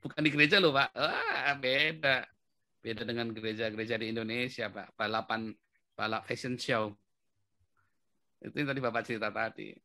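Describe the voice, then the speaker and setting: A chatty man talking over a video call, laughing often as he goes and tacking a polite "sir" onto nearly every phrase. His voice is bright and forceful, carrying over the call connection. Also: mid-range voice, fairly even intonation, normal speed, pauses often. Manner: chatty and laughing, adds "Pak" to most phrases. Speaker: host answering a guest in a live video discussion. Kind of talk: casual chat.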